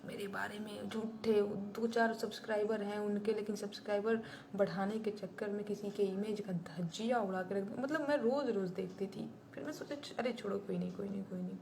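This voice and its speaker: A woman's voice: mid-range voice, fairly even intonation, moderate pace, darkish tone, slight background noise. A woman singer-songwriter talking bluntly and indignantly to her viewers on a live stream. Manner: blunt and indignant, plain-spoken.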